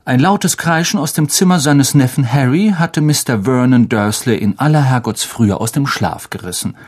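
A man reading a story aloud as an expressive audiobook narrator. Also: mid-range voice, normal speed. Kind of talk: scripted narration.

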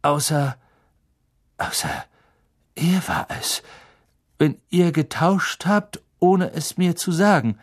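A man reading an audiobook, voicing a middle-aged male teacher who speaks with measured, tense restraint. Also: fairly high pitch, very animated, voice pushed up, full character voice.

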